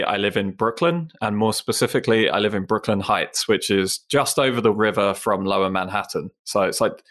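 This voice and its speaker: A man's voice: lowish voice, a bit bright. A man in his thirties from Essex with an English accent, chatting casually and self-deprecatingly as an interview guest. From England (Essex). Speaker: podcast guest.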